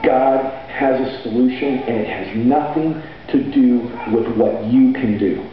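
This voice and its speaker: A middle-aged man preaching a sermon on stage with a handheld mic, energetic and sometimes shouting as he paces. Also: medium pitch, unhurried. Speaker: pastor. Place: large hall stage with band gear, seen from far off. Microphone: handheld mic, far camera. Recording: echoey hall from far off, dull audio, faint noise.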